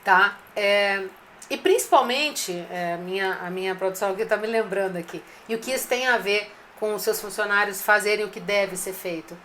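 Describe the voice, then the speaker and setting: A woman's voice: medium pitch, moderate pace, a bit bright, slight background noise. A woman giving a direct, coaching business talk to restaurant owners, speaking to them familiarly. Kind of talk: live-streamed business advice talk.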